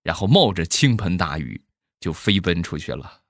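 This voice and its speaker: A middle-aged man telling comic stories, with drawn-out trailing sounds. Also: low-pitched, heavy background noise. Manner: animated, drawn-out trailing 'ah's. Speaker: comedian storyteller. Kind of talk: comic storytelling monologue.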